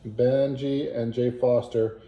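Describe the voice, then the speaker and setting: A man reads a family letter aloud at a slow, halting pace. His voice is very mellow and dark, and he pauses to work out words or add small asides. The room around him gives the recording a clear echo. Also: mid-range voice, flat delivery, muffled recording. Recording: roomy, echoing home recording.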